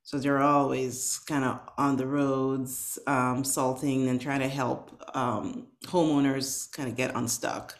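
A woman's voice: a bass voice, little pitch movement, slow, hardly any pauses. A woman in her thirties from Nigeria, a tech founder chatting easily as an interview guest, with lots of fillers and restarts. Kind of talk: casual interview chat.

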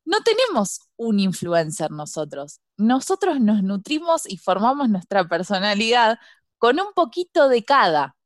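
A woman's voice: mid-range voice, very animated, unhurried, dry recording, studio quality. A woman with a Rioplatense Spanish accent in playful comic role-play chat, giggly and stubborn.

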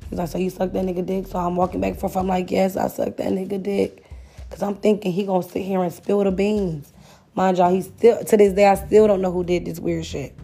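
A young adult woman bluntly retells a listener's profane personal story, animatedly voicing both sides of the dialogue. Her voice is mid-range and creaky.

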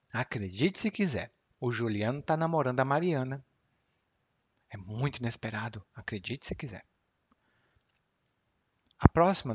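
Man, podcast language teacher, very animated intonation, acts out examples, slightly muffled recording. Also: medium pitch. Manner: lively, acts out example dialogues. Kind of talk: podcast lesson. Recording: slightly dull lo-fi sound.

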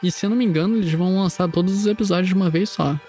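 Brazilian male podcast host, eager and rambling, slightly high-pitched, music faint underneath. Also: rapid-fire, dark tone. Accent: Brazilian Portuguese. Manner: enthusiastic, rambling with restarts. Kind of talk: casual podcast chat.

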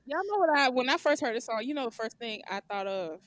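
A woman's voice: fairly high pitch, expressive, fast talker, a bit bright, no echo. A woman co-hosting a music review podcast, talking in a rambling, enthusiastic way and laughing often. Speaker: podcast co-host. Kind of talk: casual chat.

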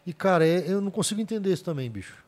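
A man's voice: high-pitched, expressive, racing, darkish tone. A man chatting casually as host, reacting in heavy slang. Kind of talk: casual chat.

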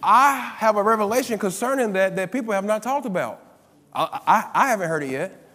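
A man preaching a sermon as pastor, calling on the congregation to answer back and building up to loud, emphatic peaks. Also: high-pitched, expressive, brisk, long reverb tail.

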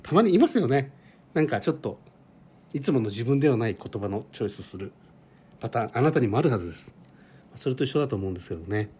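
Rambling forties man, mellow voice. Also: medium pitch, sing-song, quick pace, husky. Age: 40s. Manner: rambling and self-deprecating, many fillers. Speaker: podcast host. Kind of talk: casual solo podcast monologue. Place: home.

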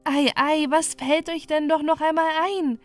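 A little marsh princess, sweet and innocent, as a woman reads her. The voice is high and light, with faint music behind. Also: moderate pace, darkish tone, close to an everyday voice. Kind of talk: storybook reading.

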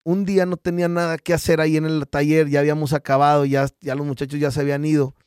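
A Mexican man with a Mexican Spanish accent, a podcast guest in casual chat, telling stories in a lively, slangy way and acting out what people said. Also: fairly high pitch, fast talker, smooth, dry recording, clean studio sound. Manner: animated storyteller who acts out quotes, slangy and profane. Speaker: podcast guest, business founder.

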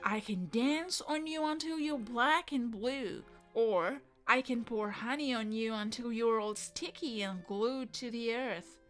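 A woman's voice: fairly high pitch, unhurried, few pauses, soft background music, close to an everyday voice. A woman voicing a greedy, boastful male monkey in a storybook, with a gloating, teasing manner.

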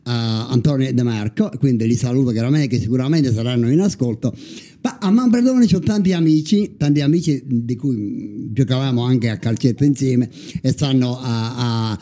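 A man, chatting casually and haltingly, repeating words as he goes. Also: medium pitch, warm tone. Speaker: radio show participant. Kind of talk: casual chat.

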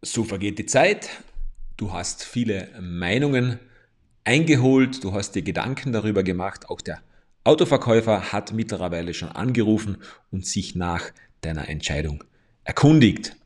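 A man giving a motivational coaching talk, speaking directly to the listener in a calm, explanatory way. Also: lowish voice, moderate pace.

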